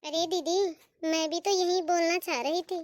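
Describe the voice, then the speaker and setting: A woman's voice: extremely high pitch, steady tone, moderate pace, no room sound. A woman voicing a taunting jealous daughter-in-law. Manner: taunting, sarcastic. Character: sharp-tongued, jealous younger daughter-in-law. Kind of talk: cartoon voice acting.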